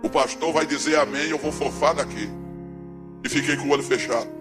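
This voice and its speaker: A man from Pernambuco, giving a dramatic testimony sermon in a church, swinging between hushed and shouting. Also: a little high, fairly even intonation, fairly quick, music in the background. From Pernambuco, Brazil.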